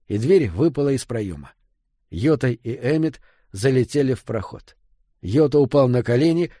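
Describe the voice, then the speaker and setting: A man reading a first-person story aloud in a steady, measured way. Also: mid-range voice, no echo, clean studio sound. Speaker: audiobook narrator. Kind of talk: scripted narration.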